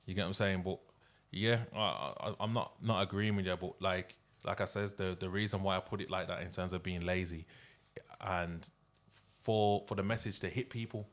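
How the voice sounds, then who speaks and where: Low-voiced man hosting casual interview. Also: steady tone, normal speed. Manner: informal slang, repeated check-in phrases. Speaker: interview host.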